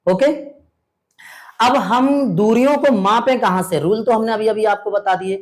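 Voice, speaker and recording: A male science teacher giving a classroom lecture. He repeats each rule slowly, keeps asking the students quiz-like questions and calls them "beta" and "mere bhai". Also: sits high.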